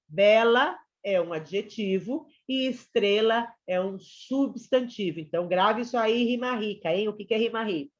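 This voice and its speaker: A Brazilian woman teacher giving a chatty online literature lesson to students, often checking in with them. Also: medium pitch. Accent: Brazilian Portuguese. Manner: chatty, addresses students as "gente" and "galera". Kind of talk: online class lecture. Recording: slightly dull lo-fi sound.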